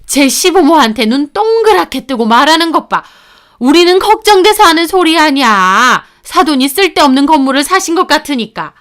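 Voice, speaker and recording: Woman voicing a high, scornful mother-in-law for a narrated story, scolding and sneering. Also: big pitch swings, moderate pace, fairly bright tone. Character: scornful middle-aged mother-in-law, sharp-tongued.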